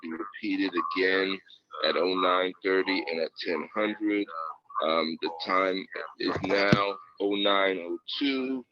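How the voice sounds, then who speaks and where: A man working as net control, reading announcements over a two-way radio in careful radio procedure with frequent "uh" fillers. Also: low-pitched. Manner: measured delivery with many uh fillers. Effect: heard over a two-way radio. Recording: muffled radio audio with faint hiss.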